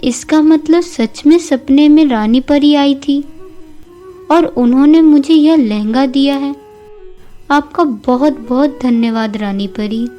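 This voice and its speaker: A woman's voice: high voice, slow pace, warm tone, soft background music. A woman voicing a kind, hardworking young woman heroine who speaks earnestly. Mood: grateful. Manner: earnest and pleading.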